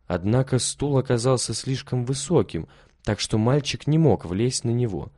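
A man reading a children's story aloud as the narrator, steady and expressive. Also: medium pitch, moderate pace, no room sound, studio quality.

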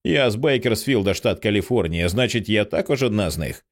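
A man reading the lines of a sharp-tongued young shop clerk in an audiobook, blunt and snappy. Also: fairly low pitch, animated, brisk.

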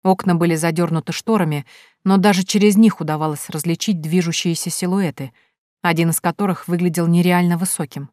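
A woman narrates an audiobook in the first person with a lively, wry delivery. Her voice sits rather low. The sound is dry and close. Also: a little fast, no room sound.

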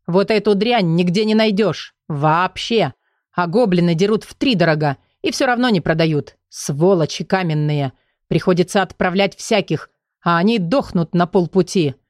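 A woman's voice: on the low side, normal speed, a little mellow, no room sound, close to an everyday voice. This is a furious, scornful mad mage who snaps at students and curses, voiced by a woman reading the story. The voice sits well below her own and barks every line. The recording is dry and close, with no room sound. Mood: ranting. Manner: barking, scornful. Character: mad male mage, gruff, rude, hot-tempered.

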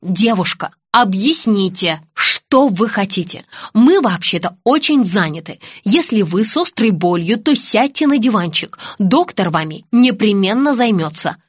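A woman reading an audiobook, voicing a loud, officious receptionist. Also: medium pitch, expressive, unhurried, husky, dry recording, clean studio sound.

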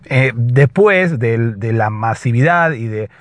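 A hoarse man hosting a casual solo podcast, explaining patiently and often checking in with his listeners. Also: mid-range voice, animated, slow pace, no room sound. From Latin America. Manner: explanatory, keeps checking in with a questioning "right?". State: hoarse, slightly husky voice. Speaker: podcast host.

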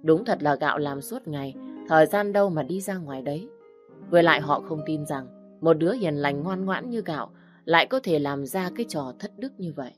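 A woman narrating an audiobook story in a steady storytelling manner. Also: deep voice, a little fast, faint music behind. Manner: steady storytelling, voicing every character.

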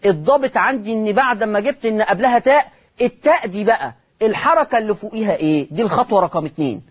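In a high-pitched, slightly rough voice with lively intonation, an Egyptian-accented man explains Quran recitation rules on TV. Each rule gets repeated, he supplies answers to his own questions, and he slows to chant the example words.

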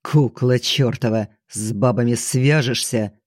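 A man's voice: mid-range voice, a little slow, no echo, clean studio sound, voice pushed down, natural voice. A man reading a haughty, domineering older banker. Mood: cold, curt. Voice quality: curt, haughty, commanding. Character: arrogant older male banker, domineering and explosive.

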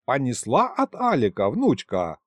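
A man reading an audiobook, voicing a gruff, kindly old man who talks in a low, folksy grumble. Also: huge pitch swings, a little slow, no room sound. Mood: grumbling.

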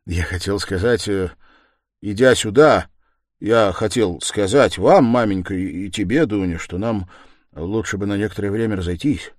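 Man reading brooding young man, halting, strained, low voice, audiobook. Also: no echo, clean studio sound, natural voice. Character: troubled brooding young man, curt and tense.

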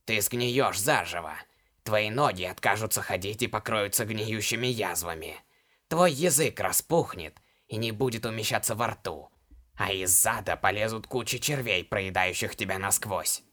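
A man voicing a stern, imperious old female shaman in a low, hoarse voice, speaking slowly and curtly in an audiobook. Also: pushed and bright. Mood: menacing. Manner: slow, curt, menacing.

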